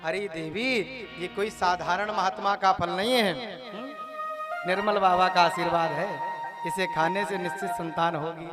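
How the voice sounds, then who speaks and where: A man's voice: high-pitched, steady tone, measured pace, loud music behind the voice. A man doing an anxious, pleading village priest.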